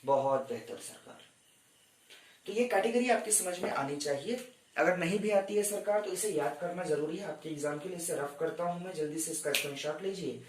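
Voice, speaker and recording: A man's voice: fairly high pitch, fairly quick, roomy sound, recorded from a distance. A man teaching an exam-prep grammar lecture, addressing his students respectfully as he explains step by step. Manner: addresses students as "sarkar", counts down for screenshots.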